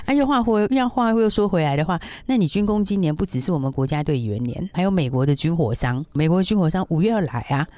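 A male stock analyst with a Taiwanese accent talks at a rapid clip in a mellow voice. He explains casually, tossing out short rhetorical questions as he goes. The sound is dry, with very little room. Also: on the high side, expressive, no echo. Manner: explanatory, peppers talk with rhetorical check-in questions. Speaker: stock market analyst and teacher. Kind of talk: casual market commentary talk.

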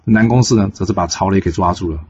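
A man telling a classic tale in a relaxed, chatty way, with frequent fillers. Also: low voice, quick pace, highs cut off, slight background noise. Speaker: storyteller. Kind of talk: storybook narration.

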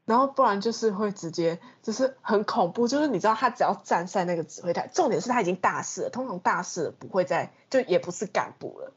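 A young woman with a Taiwanese accent and a husky voice of average pitch. She co-hosts in a casual, chatty, teasing manner. The recording is a bit lo-fi. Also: expressive, quick pace, few pauses. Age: young adult. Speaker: podcast co-host. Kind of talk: casual chat.

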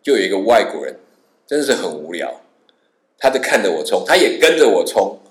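A man with a low voice tells a travel story in casual chat. He talks fast and his pitch swings a lot as he acts out the people in it. The room around him sounds echoey. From Taiwan. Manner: animated, acts out the people in his stories with a raised voice. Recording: roomy reverberant sound.

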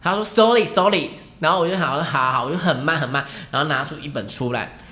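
A woman with a Taiwanese Mandarin accent, telling a travel story in a casual chat as podcast co-host, animated and laughing often. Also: very deep voice, fast, echoey room. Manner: animated, acts out quoted voices, laughs often.

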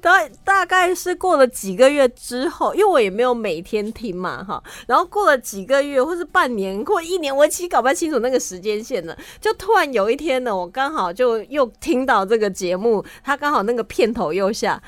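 A Taiwanese-accented woman tells a story in casual chat, her slightly high voice swooping up and down as she acts out what others said. The sound is dry and close to the mic. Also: a little fast, hardly any pauses, dry recording. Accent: Taiwanese Mandarin. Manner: lively storyteller who acts out dialogue.

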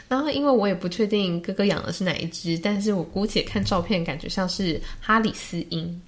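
A woman in her thirties with a Taiwanese Mandarin accent, chatting on a podcast and telling family stories with lively acted-out voices. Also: medium pitch, a little fast. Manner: lively storyteller who acts out family members' voices. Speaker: podcast co-host. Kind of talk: casual chat.

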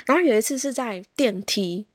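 A woman telling a story in casual chat, animated, laughing often and acting out what people said. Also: a little high, fairly quick, no echo, studio quality. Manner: animated, laughs often, acts out quoted speech.

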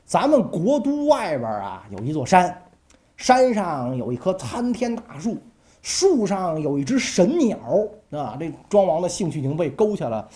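A woman's voice: lowish voice, very animated, normal speed, warm tone. A woman voicing a witty male court official who sets his king a riddle, in a sly, respectful way.

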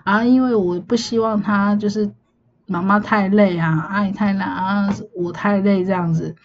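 A woman's voice: medium pitch, steady tone, moderate pace, close to an everyday voice. A woman voicing a polite young boyfriend. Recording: slightly muffled with faint hiss.

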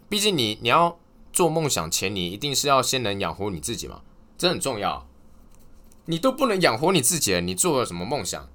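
A man's voice: medium pitch, pushed and bright. A man hosting a solo podcast. He gives earnest advice, then tells corny jokes and laughs at them. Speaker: podcast host. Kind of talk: casual solo podcast talk.

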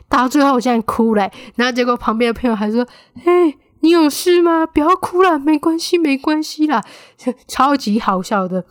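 A woman's voice: on the high side, no echo, clean studio sound. A woman of twenty with a Taiwanese Mandarin accent, chatting casually as the host of her solo podcast. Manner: chatty, animated when quoting friends.

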